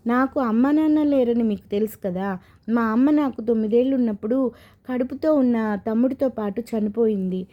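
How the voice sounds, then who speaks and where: A woman voicing a grieving young married man haunted by his past, told slowly and from the heart. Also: a little high, phone-quality sound, natural voice.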